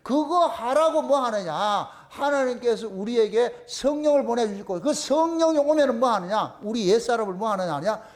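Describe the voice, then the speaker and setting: Gyeongsang pastor guy preaching, really high voice that jumps all over, keeps asking the room stuff and answering it. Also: lively intonation, moderate pace, few pauses. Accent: Gyeongsang Korean. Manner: emphatic, asks the congregation rhetorical questions and answers them himself; repeats phrases for emphasis. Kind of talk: sermon.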